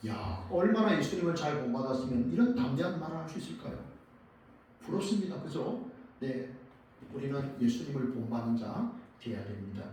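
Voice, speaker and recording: A man's voice: medium pitch, very animated, a little fast, a little hiss or hum. A man, a pastor, preaching a sermon who asks the congregation questions and answers them himself, his voice swelling and dropping. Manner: dramatic rises and drops in loudness. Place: church sanctuary. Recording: very echoey church hall, mic at a distance.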